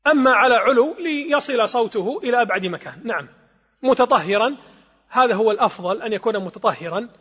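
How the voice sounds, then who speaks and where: A high-pitched man gives a patient religious lesson, explaining point by point and counting along with his audience. His voice is a little husky, and it rings in a large echoey hall on a muffled, lo-fi recording. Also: expressive, fairly quick. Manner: explanatory, counts along with listeners, demonstrates the call softly and aloud. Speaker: religious teacher. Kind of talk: Islamic jurisprudence lesson.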